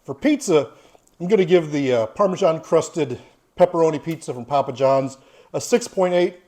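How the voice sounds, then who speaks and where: A man's voice: on the high side, moderate pace, darkish tone. Easygoing man giving a food review. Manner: easygoing, plain-spoken, opinionated.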